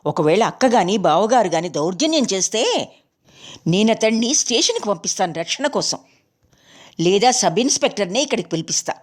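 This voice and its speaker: A woman's voice: medium pitch, big pitch swings, a little fast, pitched above the performer's own voice. A woman voicing a tearful pleading young wife. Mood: defiant. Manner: pleading, tearful, rising to defiance.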